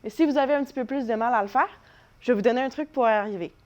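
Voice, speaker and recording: A woman's voice: fairly high pitch, rapid-fire, a little mellow, highs cut off. A young woman teaching a children's voice lesson, encouraging and demonstrating vocal exercises. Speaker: drama teacher. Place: living room at home.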